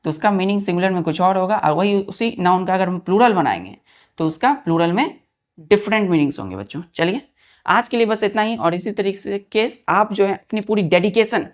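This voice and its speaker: A woman teacher with an expressive, middle-pitched voice guides students through an exam-prep grammar lesson. Addressing them as children, she repeats every key term, spells words out letter by letter, and keeps checking in with quick questions.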